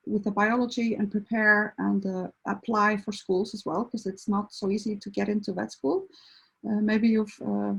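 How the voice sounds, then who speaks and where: Middle-aged woman from iceland, gravelly husky voice, lots of ums and restarts, vet talking casually. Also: mid-range voice, highs cut off. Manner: hesitant, many fillers and restarts. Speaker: veterinarian and behavior counselor. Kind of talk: casual talk introduction.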